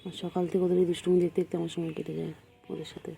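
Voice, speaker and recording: A woman's voice: on the low side, flat delivery, racing, creaky, warm tone. A woman filming her cats outdoors on a phone and cooing to them in sing-song baby talk. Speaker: pet vlogger. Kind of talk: casual vlog, cooing to cats.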